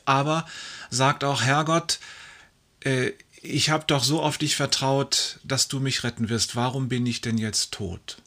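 Male joke teller, bright tone, fry-heavy, unhurried storyteller with fillers. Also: mid-range voice. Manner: leisurely storytelling with fillers, acting out the voices. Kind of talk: telling jokes to an audience.

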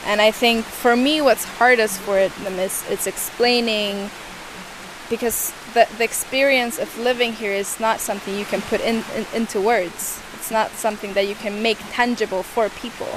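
A young woman whose first language isn't English answers interview questions thoughtfully, hesitating, hunting for words and restarting often. Her voice is slightly high with fairly even intonation at a normal speed, over a noisy background.

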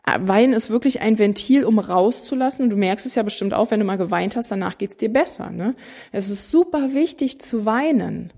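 A mother of three in her thirties talking straight to viewers, animated and emphatic, acting out what others say. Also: mid-range voice, a little fast. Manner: animated, emphatic, acts out quotes. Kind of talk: casual talking to camera.

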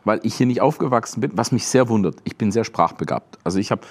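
Lively German man telling funny stories. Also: on the low side, fast talker. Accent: German Standard German. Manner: animated storyteller acting out quotes. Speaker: comedian. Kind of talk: casual comedic chat.

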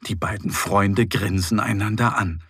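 A man narrating a scripted children's story in a gentle, expressive reading style. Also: on the low side, a little slow, husky, dry recording, clean studio sound.

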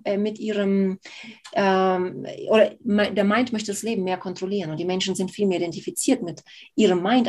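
A woman coach explaining Human Design in a casual interview, animated and laughing often, acting out quoted voices. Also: mid-range voice. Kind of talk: conversational interview answer.

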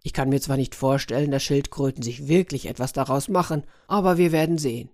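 A woman's voice: very deep voice, a little fast, a little mellow. A woman voicing a grumpy, sarcastic man trapped in a turtle's body, in a storybook reading. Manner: irritable, sarcastic.

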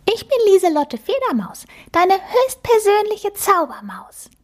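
A woman voicing a cheerful little female magic mouse in a children's storybook reading, bouncy and encouraging, with a breathy voice. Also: very high-pitched, sing-song, a little slow, voice pushed up, full character voice.

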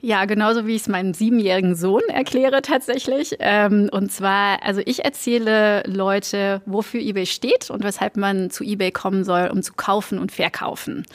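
A woman's voice: mid-range voice, fairly even intonation, moderate pace, few pauses. Hesitant Belgian-born woman guest. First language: not German. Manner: hesitant, many fillers. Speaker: marketing manager guest. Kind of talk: casual interview chat.

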